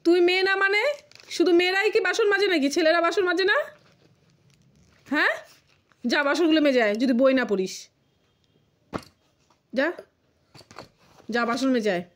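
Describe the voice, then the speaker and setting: A woman's voice: very high voice, moderate pace, long pauses, fairly bright tone, a little hiss or hum. A young mother casually scolding and coaxing her child at home, exasperated and teasing.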